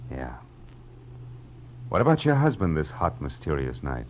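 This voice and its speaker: Deep wry noir detective, clipped n world weary, old muffled radio show w hiss. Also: male voice, huge pitch swings, unhurried, full character voice. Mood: sardonic, wary. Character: wry, hardboiled male private detective. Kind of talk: 1940s radio noir acting with first-person narration. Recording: dull, hissy old radio recording with hum.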